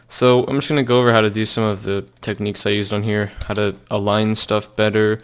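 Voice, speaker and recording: A young man casually walking through a software tutorial, loose and halting with lots of fillers and restarts. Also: fairly low pitch, little pitch movement, smooth. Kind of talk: casual screen-recorded tutorial.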